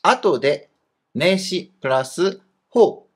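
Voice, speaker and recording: A man's voice: a little high, expressive, slow pace, breathy edge. A man teaching a Chinese grammar lesson in Japanese, explaining patiently with fillers.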